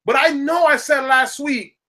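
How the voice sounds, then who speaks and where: Speaking a little slowly in a very high, pushed, bright voice, a Southern US sports talk co-host rants animatedly on a casual podcast, echoing his own words as he winds up.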